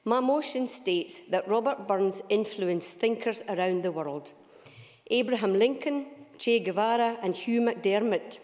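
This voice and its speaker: In a large debating chamber, a woman from Scotland who serves as a member of parliament speaks a little slowly through a formal, Scots-laden speech. Her tone is darkish and mid-pitched, and the room's reverb trails on long.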